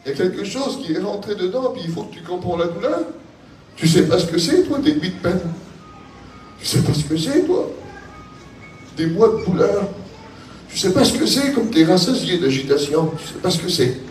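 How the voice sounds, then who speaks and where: A man with a southern French accent preaching a sermon in an impassioned, repetitive cadence that builds to shouting. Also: high voice, sing-song, moderate pace, pauses often, soft background music. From France. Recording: echoey hall, voice from a distance, faint ambience.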